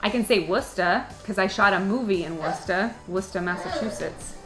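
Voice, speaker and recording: A woman's voice: mid-range voice, fairly quick, music in the background. A woman hosting her own channel, casually and playfully answering viewer comments and laughing often. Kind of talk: casual chat to camera. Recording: echoey room.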